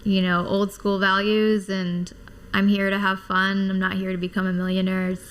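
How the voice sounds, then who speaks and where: A woman's voice: mid-range voice, little pitch movement, moderate pace, clear, resonant tone. A woman in her thirties, originally from Iowa, talks as a podcast guest. Her speech is casual and informal, full of little fillers as she shares her story. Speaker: guest, construction company owner. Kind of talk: casual interview chat.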